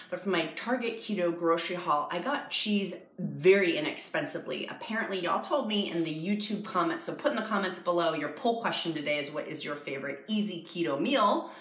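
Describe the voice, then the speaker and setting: A woman's voice: lowish voice, a bit bright, roomy sound, poor audio. Chatty woman vlogging at home. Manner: chatty, bubbly, jokey, addresses viewers as y'all. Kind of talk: casual cooking vlog talk to camera. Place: home dining room.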